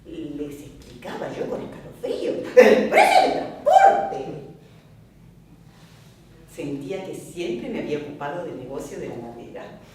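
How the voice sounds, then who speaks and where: Una actriz con acento argentino que interpreta a Olga, una esposa recatada de mediana edad entregada a su marido, en un monólogo teatral expresivo que imita sonidos. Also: female voice, moderate pace, recorded from a distance, a little hiss or hum, natural voice. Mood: nostalgic. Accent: Argentine Spanish. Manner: expressive, mimics sounds and shifts pitch for emphasis. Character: Olga, a prim middle-aged wife devoted to her husband. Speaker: stage actress in a one-woman play. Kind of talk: theatrical monologue. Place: theatre stage.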